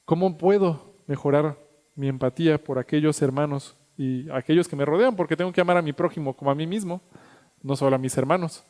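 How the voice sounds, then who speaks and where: A high-pitched man preaching a Sunday sermon in a church. His voice rings with a long hall reverb, and it lifts and grows louder at the emphatic points. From Mexico. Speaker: pastor. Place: church sanctuary.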